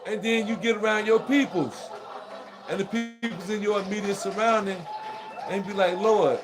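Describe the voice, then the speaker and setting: A man's voice: high-pitched, steady tone, normal speed, music in the background. A man talking straight to his viewers in a casual, profane, rambling monologue, laughing as he goes. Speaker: vlogger. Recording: noisy recording with crowd chatter behind.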